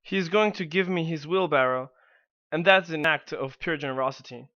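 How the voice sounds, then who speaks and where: A man's voice: fairly high pitch, moderate pace, sharp tone, no echo. A man playing a humble, naive little man in a storybook reading, earnest, meek and eager to please. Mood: trusting. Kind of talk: scripted storybook dialogue. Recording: dry, dull band-limited audio.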